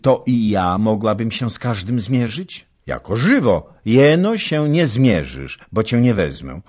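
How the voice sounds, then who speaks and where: A man voicing an eager, teasing young noblewoman in an audiobook, speaking in a raised, quick, excited way. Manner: high quick excited chatter.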